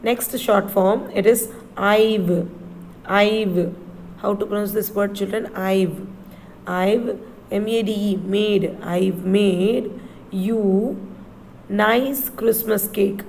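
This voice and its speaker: Slow, deliberate woman teaching children to read. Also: mid-range voice, fairly even intonation, creaky, a little mellow, a little hiss or hum, poor audio. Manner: spells words letter by letter and repeats them slowly. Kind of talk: slow spelled-out reading lesson for children.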